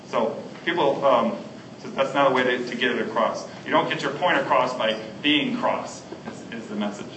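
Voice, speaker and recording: A man's voice: a little high, bright, forceful tone, slight background noise. A middle-aged man preaching a sermon as a pastor, earnest and conversational, with frequent ums. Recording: echoey room, mic at a distance.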